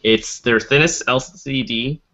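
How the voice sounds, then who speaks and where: A man's voice: mid-range voice, unhurried, pushed and bright. A man co-hosting a casual tech podcast, presenting news items from his notes with frequent fillers and hesitations. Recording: dull lo-fi podcast audio.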